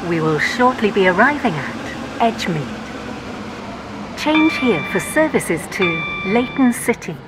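Lively spliced-together woman's train announcement. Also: measured pace. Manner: lively pitch with abrupt jumps between clips. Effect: spliced together recorded words. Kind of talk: automated onboard announcement. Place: train carriage in a video game. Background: train noise and air conditioning.

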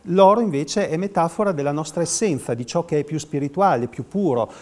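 Higher-pitched man, reflective artist. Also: a little fast, a little mellow. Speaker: artist guest. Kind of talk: explaining his work in an interview. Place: TV studio.

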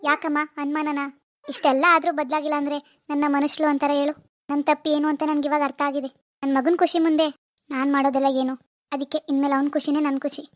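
A woman's voice: sits high, little pitch movement, quick pace, dry recording, studio quality, lightly acted. A woman playing a remorseful middle-aged mother-in-law who earnestly begs her daughter-in-law's forgiveness in a homemade family drama skit. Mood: pleading. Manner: earnest, pleading, apologetic.

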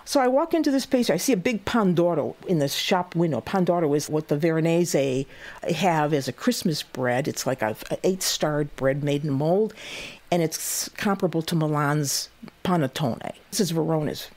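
Lively low-voiced woman in her eighties. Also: normal speed. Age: 80s. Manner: lively, laughing, acts out quoted voices. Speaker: guest, cooking show host. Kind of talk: interview storytelling.

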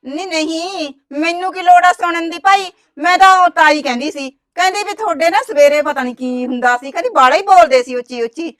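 A woman's voice: very high-pitched, a little fast, few pauses, a bit bright. A meddling village gossip, played by a woman, speaking. She wheedles and keeps relaying what others said. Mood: wheedling. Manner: wheedling, reports others' words. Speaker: actress. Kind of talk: village drama dialogue.

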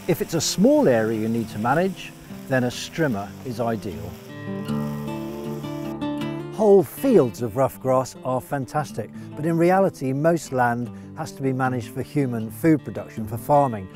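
Mellow-voiced man teaching outdoors. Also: medium pitch, lively intonation, moderate pace, soft background music. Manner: clear, enthusiastic explaining. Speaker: conservation educator. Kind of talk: instructional nature film. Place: outdoors in grass fields.

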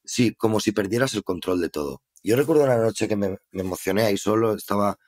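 Earnest low-voiced man with a Spanish accent. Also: quick pace, a little mellow. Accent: Spain Spanish. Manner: earnest, reflective storytelling. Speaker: podcast guest, musician. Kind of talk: casual conversation.

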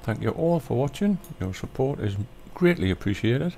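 A man giving relaxed, rambling commentary over a farming game, with lots of ums. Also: mid-range voice, normal speed, gravelly, a little hiss or hum. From Britain. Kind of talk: casual gameplay commentary.

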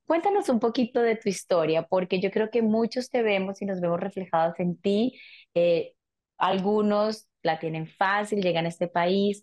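A woman's voice: medium pitch, darkish tone. A woman hosting a TV interview, asking her guest questions in an earnest, encouraging way. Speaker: host. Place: small studio set.

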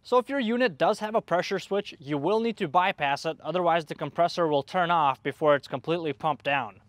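A man's voice: a little high, a little fast, dry recording. A young man, an HVAC technician, explaining step by step as he works on an outdoor air conditioner. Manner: explains step by step while working. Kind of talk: hands-on tutorial. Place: outdoors by an AC unit.

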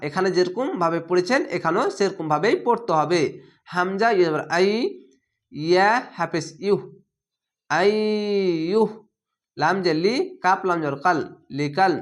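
A high-voiced man gives a Quran reading lesson. He breaks each word into its letters and syllables, then draws the whole word out in a slow chant before going back to plain explanation. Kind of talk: spelling-out recitation lesson.

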